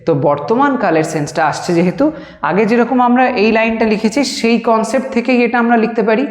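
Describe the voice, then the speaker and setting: A woman's voice: on the high side, darkish tone. Woman teacher going over grammar, draws out the example words, echoey hall sound. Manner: slow, drawn-out dictation of English phrases. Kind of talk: explanatory grammar lesson. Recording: echoey room with long reverb.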